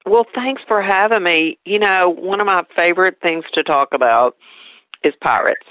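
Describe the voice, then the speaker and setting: A woman with a fairly low voice and an East Tennessee Southern American accent speaks at normal speed as a guest in a conversational interview, promoting a show. She's from East Tennessee in the United States, and the recording is dry with the highs cut off.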